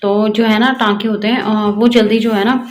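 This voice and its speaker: A young woman from Garhwal, in the Uttarakhand hills of northern India, narrates a casual home vlog from her kitchen. Her voice is fairly high and level at a normal pace, and she chats and rambles with plenty of fillers.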